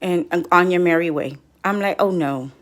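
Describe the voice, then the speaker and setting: A middle-aged woman vlogger telling viewers a story in a casual, animated way, acting out what others said. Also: fairly low pitch, moderate pace. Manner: rambling with many restarts. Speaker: couponing vlogger. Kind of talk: casual personal update to viewers.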